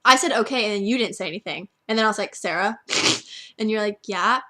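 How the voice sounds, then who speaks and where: A teenage girl tells a long story to a friend in a loose, rambling way. She keeps repeating "like" and slips into quoting what people said. Her voice sits in an ordinary middle pitch. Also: fast talker, bright, forceful tone. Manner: chatty, constant "like" filler. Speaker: vlogger.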